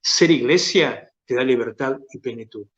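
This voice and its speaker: A pastor with an Argentine Spanish accent preaching a sermon, stretching key phrases for emphasis and then dropping to soft, low asides. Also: male voice, moderate pace, roomy sound, dull audio.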